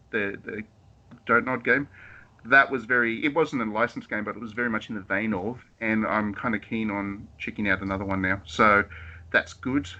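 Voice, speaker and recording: Bright-voiced podcast host. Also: male voice, on the low side. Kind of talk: casual chat. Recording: dull lo-fi sound.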